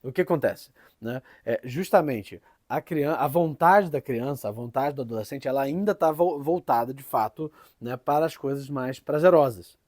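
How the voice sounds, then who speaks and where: A man's voice: mid-range voice, moderate pace, a little mellow, no echo, clean studio sound. A man with a Brazilian Portuguese accent gives an informal teaching talk, tagging many phrases with "né?" and often restarting.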